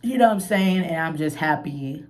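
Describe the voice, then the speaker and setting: A young woman in a candid, casual vlog talk, expressive and chatty, swinging between quiet musing and bright laughing bursts. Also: sits low, moderate pace. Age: young adult. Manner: candid, expressive, peppers talk with "you feel me". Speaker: vlogger.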